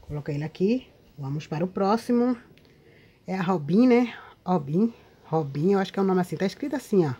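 A woman's voice: on the low side, expressive, brisk, dark tone, husky, highs cut off. A woman with a Brazilian Portuguese accent, chatting casually to viewers while showing crafts, recorded outdoors in a windy spot. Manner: chatty, addresses viewers often with tag questions. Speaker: paper craft video maker. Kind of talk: casual show-and-tell vlog.

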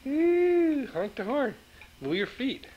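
Old VHS home-video clip: a man behind the camcorder, chatty, lively up-and-down voice, faint tape hiss. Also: extremely high pitch, slow, muffled recording. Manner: chatty narrating while filming, coaxing a toddler. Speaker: family member filming at home. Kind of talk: casual home-video narration. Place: home living room on Christmas morning. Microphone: camcorder built-in mic, operator behind camera.

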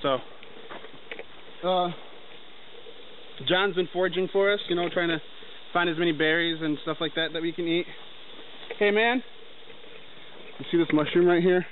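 A man's voice: sits high, fairly even intonation, normal speed, pauses often. A young man talking casually to a handheld camera as he hikes through a forest, rambling as he walks. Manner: talks while walking, loose and rambling. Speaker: hiker filming a trip. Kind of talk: casual vlog narration while hiking. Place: outdoors in a forest. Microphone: handheld camera at arm's length. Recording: tinny lo-fi camera audio with faint noise.

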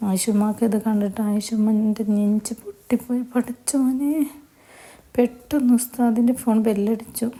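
A woman's voice: on the high side, flat delivery, normal speed, warm tone. A woman telling a story emotionally, speaking straight to her listeners. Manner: emotional, addresses listeners directly. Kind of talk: spoken storytelling.

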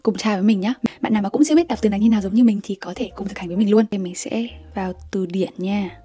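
A woman's voice: medium pitch, quick pace, mellow, breathy edge. Chatty young Vietnamese woman vlogging. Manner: chatty, self-deprecating, sounds out words aloud. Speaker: study vlogger. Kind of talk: casual vlog talk to viewers.

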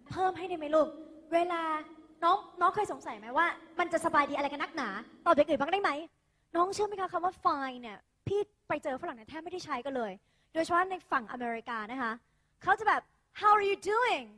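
A Thai woman teaching an English lesson to a class, lively and coaxing, leading the students through pronunciation drills. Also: sits high. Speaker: English tutor. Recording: echoey hall, phone recording.

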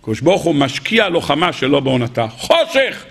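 Animated, high-voiced Israeli rabbi. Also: male voice, vocal fry, husky. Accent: Israeli Hebrew. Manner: acts out quoted figures in a raised voice, addresses listeners as gentlemen. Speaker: rabbi giving a weekly Torah talk. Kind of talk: animated sermon storytelling.

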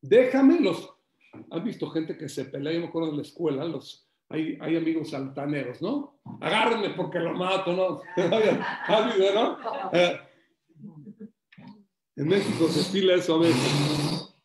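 Male Torah teacher, high and lively, repeats himself; roomy echo. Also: unhurried. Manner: animated, repeats phrases, acts out stories. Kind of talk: religious class.

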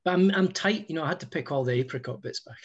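A man's voice: on the high side, fast, muffled recording, very noisy. A Scottish man, a guest musician, chatting in a rambling, self-mocking way with lots of restarts. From Scotland. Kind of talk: casual chat.

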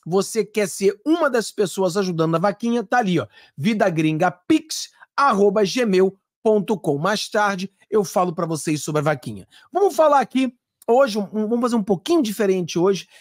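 A woman with a Brazilian Portuguese accent hosts an opinionated political commentary vlog. She talks in a sarcastic, mocking, emphatic way, and her pitch swings widely up and down. The sound is dry and close. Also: lively intonation, normal speed, darkish tone, dry recording.

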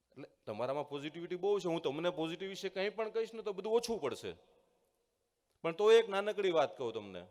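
A man who is a former student giving a motivational speech with a story to schoolchildren, earnest, acting out voices and slowing down for key points. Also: mid-range voice. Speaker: guest speaker, former student addressing schoolchildren. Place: large hall at a school event. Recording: long hall reverb.

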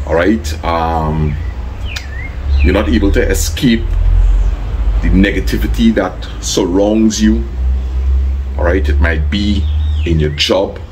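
A man's voice: sits low, slow pace, long pauses, a little mellow, a little hiss or hum, poor audio. A man with a Trinidadian accent, chatting casually to his viewers and thanking people by name. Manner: easygoing, thanks people by name, gives plain advice. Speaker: vlogger. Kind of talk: casual vlog chat.

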